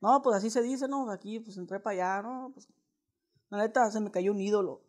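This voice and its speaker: Indoors in a small living room, a young prank caller with a Mexican accent works his target with slangy, wheedling, mock-earnest talk on a casual call. He speaks briskly, with a voice that sits high and sounds a little mellow.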